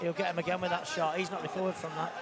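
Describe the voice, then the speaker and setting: High-pitched male fight commentator over crowd. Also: flat delivery, rapid-fire. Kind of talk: live kickboxing commentary. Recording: loud arena crowd and music behind. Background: crowd and music.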